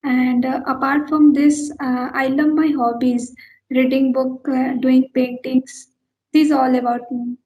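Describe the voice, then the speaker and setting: A young woman from India, a postgraduate student whose first language is Maithili, speaking English slowly and carefully in a casual practice chat. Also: sits high, level tone, a little mellow, poor audio. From Uttar Pradesh, India. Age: young adult. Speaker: postgraduate student and channel host.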